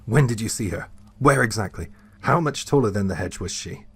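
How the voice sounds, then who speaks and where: A man's voice: fairly low pitch, lively intonation, fairly quick, a little hiss or hum. A man voicing a stern, alarmed elderly grandfather who questions urgently in a story reading.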